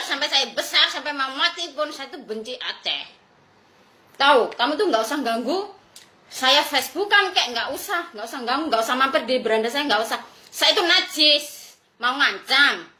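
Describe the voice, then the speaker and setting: A woman's voice: high voice, sharp tone, roomy sound. A woman from Indonesia in an angry livestream rant, brash and mocking, who swears freely and laughs scornfully.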